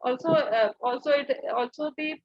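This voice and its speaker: A young woman with an Indian accent gives formal, halting, deferential answers as a candidate in a mock interview. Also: sits high, no echo. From Dehradun, India. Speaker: civil service interview candidate. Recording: dull, lo-fi dry audio.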